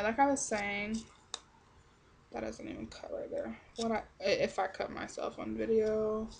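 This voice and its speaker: A young woman with a fairly high voice talks casually to camera as a reviewer. She rambles bluntly and swears freely. The recording has some background noise with small clicks. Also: vocal fry. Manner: blunt, salty-tongued, rambling. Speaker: product reviewer.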